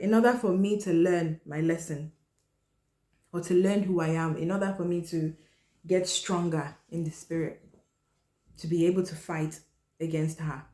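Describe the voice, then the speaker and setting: A woman hosting a podcast, telling a personal story in a blunt, candid way and often dropping her voice low. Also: a little mellow. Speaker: podcast host. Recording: roomy echo.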